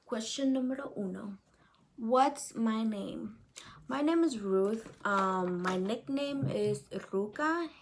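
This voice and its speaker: A woman in her twenties from El Salvador chats casually with her viewers in a question-and-answer vlog, full of fillers and a direct "you guys" manner. Her voice is a little high and slow, with a slight hiss or hum in the recording.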